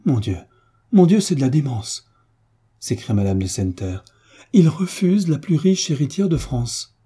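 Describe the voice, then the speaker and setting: An indignant aristocratic duchess frets over her son's marriage, as a man reading a novel aloud puts her on. She talks in raised, pleading exclamations. The tone stays husky and dark beneath the lifted pitch. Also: sing-song, normal speed, exaggerated voice. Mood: outraged. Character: anxious scheming aristocratic mother, a duchess.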